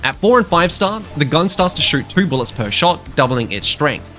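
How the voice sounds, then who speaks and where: A man's voice: a little high, normal speed, soft background music. A young man with a sick voice narrating a game update video in a playful, joking way. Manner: playful, joking, animated delivery. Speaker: gaming YouTuber.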